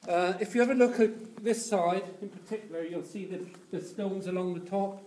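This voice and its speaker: A man working as a cathedral tour guide, explaining things informally and in a halting, unscripted way. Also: high voice, steady tone, a little mellow.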